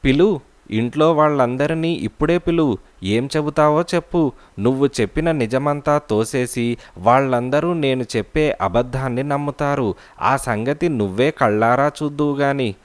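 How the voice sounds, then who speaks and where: A man's voice: mid-range voice, moderate pace, lightly acted. A man reading as a cheeky, defiant boy. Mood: taunting.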